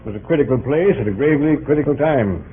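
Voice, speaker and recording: A man playing a brisk, plain-spoken general giving clipped orders in a radio play. His mid-pitched voice comes through narrow, faintly noisy vintage sound. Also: expressive, lightly acted. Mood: sober reporting. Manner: businesslike, commanding, clipped. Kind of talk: 1940s radio acting. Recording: old noisy radio, phone-like band.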